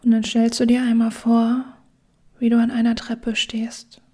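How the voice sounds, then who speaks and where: A woman guiding a relaxation meditation in a soft, soothing whisper. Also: on the high side, completely flat delivery, a little slow. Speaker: meditation guide.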